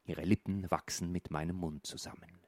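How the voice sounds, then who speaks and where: A man reading a surreal story aloud, swinging from a hushed murmur to a raised, urgent voice and often stumbling over his words. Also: low-pitched, fairly even intonation, normal speed, creaky, no echo. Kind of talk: literary reading.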